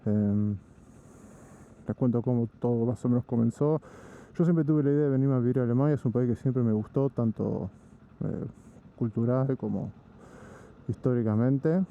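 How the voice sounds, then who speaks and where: A man from Argentina with an Argentine Spanish accent, narrating a casual vlog while driving, in a relaxed, rambling way with frequent restarts. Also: mid-range voice, moderate pace, pauses often, phone-quality sound. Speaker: vlogger. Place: in a vehicle on the road.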